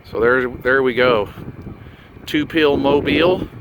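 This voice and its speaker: In a muffled recording, a middle-aged hobbyist vlogger speaks slowly in a medium-pitched voice. He chats casually and off the cuff, folksy and slangy, for a vlog and radio talk while outdoors by his vehicle on a hillside road, with wind and vehicle sounds in the background.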